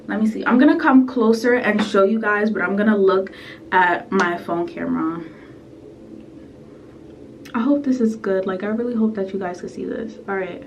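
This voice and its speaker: A woman's voice: medium pitch, far from the mic, highs cut off, slight background noise. Young female beauty vlogger, loose filler-heavy chat, slightly under the weather, recorded from across a reverberant room. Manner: chatty, filler-heavy, frequent "like" and asides. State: a bit sick. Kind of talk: casual makeup tutorial chat. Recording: roomy echo, set back from the mic.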